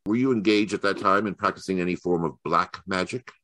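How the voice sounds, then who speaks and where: An actor playing Sherlock Holmes in a radio mystery, a halting, formal detective who speaks deliberately. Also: male voice, low-pitched, fairly bright tone, dry recording. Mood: deliberate, authoritative. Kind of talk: old-time radio mystery acting. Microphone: home microphone on a video call.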